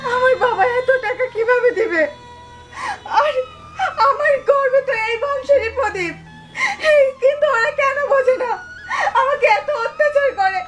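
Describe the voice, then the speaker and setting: An actress playing an abused young pregnant wife, pleading through tears. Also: female voice, very high-pitched, lively intonation, brisk, over music. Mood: tearful pleading. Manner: tearful, pleading.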